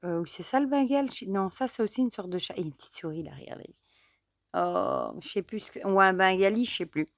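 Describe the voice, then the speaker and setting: A woman's voice: medium pitch, animated, a little fast, no room sound, studio quality. A woman casually reviewing an oracle card deck for her channel, chatty and enthusiastic, with lots of fillers, reading the guidebook aloud at times. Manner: chatty, enthusiastic, many fillers like euh and du coup.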